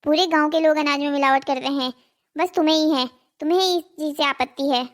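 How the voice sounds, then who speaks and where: A woman's voice: high voice, fairly even intonation, a little fast, natural voice. A woman voicing a greedy, nagging village wife in a cartoon drama, scolding and pleading. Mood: complaining.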